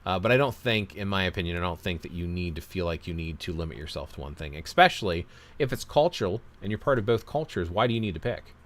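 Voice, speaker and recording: A man's voice: sits low, lively intonation, quick pace. A man hosting a casual livestream, reading out viewer comments and giving long, rambling, self-deprecating opinions. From United States.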